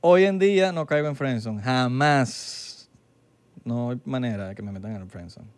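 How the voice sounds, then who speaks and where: A man's voice: mid-range voice, lively intonation, moderate pace. Slangy young Venezuelan man chatting. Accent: Venezuelan Spanish. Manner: slangy, laid-back, acts out quoted dialogue. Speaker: podcast co-host. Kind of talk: casual chat.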